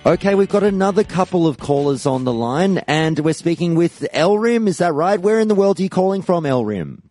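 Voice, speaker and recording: A man's voice: high-pitched, brisk, no echo, soft background music. A man hosting a podcast, introducing callers in an upbeat presenter manner. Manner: lively, upbeat presenter delivery. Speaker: podcast host.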